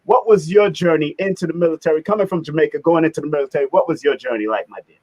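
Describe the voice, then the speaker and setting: A middle-aged man hosting a casual interview, animated, repeating his words and laughing often. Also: fairly high pitch, very fast, poor audio. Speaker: host.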